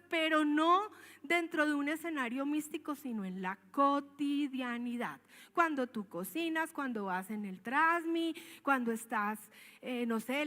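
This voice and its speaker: A woman's voice: high-pitched, a bit bright. A woman with a Colombian accent giving a conversational, emphatic sermon and asking her listeners questions. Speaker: preacher. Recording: long hall reverb.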